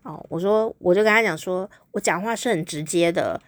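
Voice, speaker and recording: Talking a little fast in a fairly low voice, this woman hosts a podcast and spins a casual story, playful and full of laughter. There is no echo.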